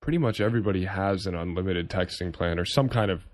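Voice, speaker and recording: A young man with a low-pitched voice hosts a tech podcast in casual chat. He keeps things relaxed and joking while he steers the discussion. His voice is close and dry, with no room sound. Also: fast, no echo. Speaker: podcast host.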